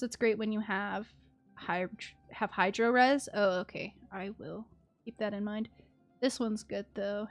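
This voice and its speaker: A woman with a fairly bright, higher-pitched voice streams a game, chatting loosely and talking to herself. She mutters while reading on screen, and music plays in the background.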